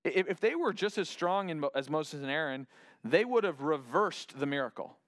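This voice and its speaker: A man's voice: fairly high pitch, lively intonation, brisk, a bit bright, no echo, studio quality. A man casually retelling a Bible story as a lesson. He imagines the scene aloud and often restarts his sentences. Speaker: Bible teacher.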